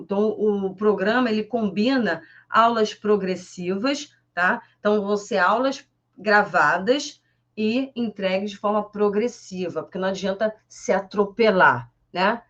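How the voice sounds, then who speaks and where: Brazilian woman, online French teacher, chatty live-class delivery, slightly muffled stream audio. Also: medium pitch. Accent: Brazilian Portuguese. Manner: chatty, repeats tag questions like "né?" and "tá?".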